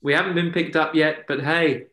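A man's voice: a little high, fairly even intonation, moderate pace, bright, forceful tone. A man, co-hosting a casual podcast chat and telling jokey, self-deprecating stories. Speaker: podcast co-host. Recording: echoey room.

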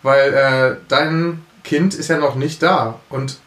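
A man's voice: mid-range voice, fairly even intonation, slow, a bit bright. Chatty thirty-something man, echoey room. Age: 30s. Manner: chatty, laughs often, many restarts. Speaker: podcast co-host, youth pastor. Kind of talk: casual chat. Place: room set up for recording, indoors.

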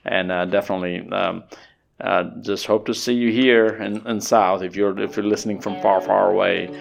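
A man hosts a relaxed podcast chat and keeps stopping to restart his sentences. His voice sits a little low and carries a gravelly rasp, with faint music underneath. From Nepal. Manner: halting, many fillers and restarts. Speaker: podcast host. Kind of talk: casual interview.

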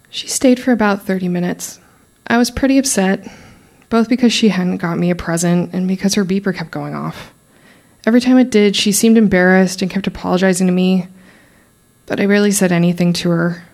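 A young woman playing a podcaster who recounts her murdered cousin's case, in measured, solemn, scripted true crime narration. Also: on the low side, darkish tone, close to an everyday voice. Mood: regretful.

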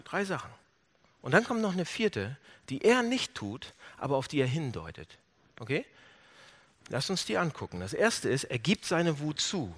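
A man preaching a sermon, animated and acting out quoted voices with big swings in pitch and loudness. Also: normal speed.

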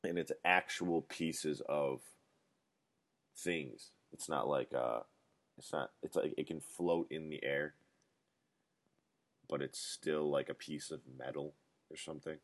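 A man's voice: rumbling low, steady tone, takes it slowly, long pauses. A man in his twenties rambling through a solo casual monologue, ranting and swearing freely as he talks. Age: 20s.

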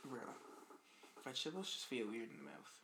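A young man hosting a podcast in casual, slangy, halting chat. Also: medium pitch, wildly swooping pitch, bright, forceful tone. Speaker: podcast host.

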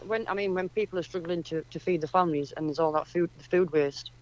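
A woman's voice: lowish voice, quick pace, muffled recording. A woman from northeast England with a Durham accent, explaining things earnestly as a guest in a conversational radio interview. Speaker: community project representative, radio guest.

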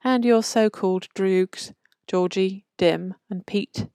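A woman reading a story, voicing a gruff, menacing man dressed as Santa who moves from mock kindness to growled threats. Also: mid-range voice, fairly even intonation, takes it slowly, warm tone, no echo, studio quality.

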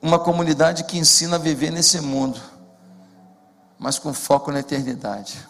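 Fervent high-voiced carioca pastor. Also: male voice, normal speed. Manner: fervent, swelling to shouted climaxes. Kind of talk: sermon. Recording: echoey hall with faint music.

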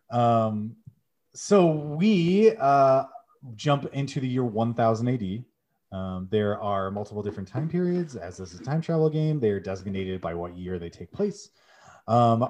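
A man's voice: mid-range voice, darkish tone. A young man co-hosting a podcast, chatting with enthusiasm as he retells a game's plot with frequent "um"s. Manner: enthusiastic, many "um"s, summarizes plot. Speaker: podcast co-host. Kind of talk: casual podcast chat.

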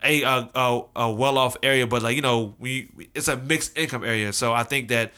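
Bright-voiced American man hosting, halting delivery. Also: mid-range voice, fairly even intonation, clear, resonant tone. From United States. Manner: halting, repeats words. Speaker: host. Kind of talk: casual discussion.

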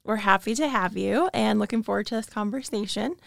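A woman's voice: medium pitch, brisk, vocal fry, fairly bright tone, no echo. A woman hosting a city podcast interview in a studio, polite and well-prepared. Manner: polite, scripted opening. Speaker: podcast host, public information officer.

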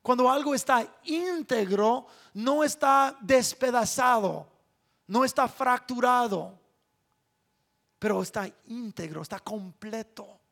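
A male preacher delivering a sermon, building to sudden loud, shouted climaxes. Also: extremely high pitch, slow, gravelly.

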